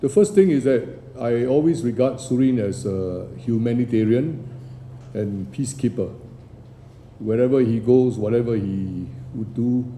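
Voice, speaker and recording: Slow, hesitant man in an echoey room. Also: mid-range voice, dark tone, slight background noise. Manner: hesitant, with frequent "uh" fillers. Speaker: forum speaker. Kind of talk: informal closing remarks at a tribute. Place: university lecture room.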